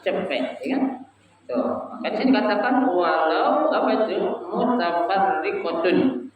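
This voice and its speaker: A man with a high-pitched voice and lively intonation leads an Islamic study lesson for a live group at an unhurried pace, asking the audience questions, letting them answer, and chanting Arabic phrases in a sing-song. A crowd is heard in the background, and the recording sounds echoey, dull, and distant.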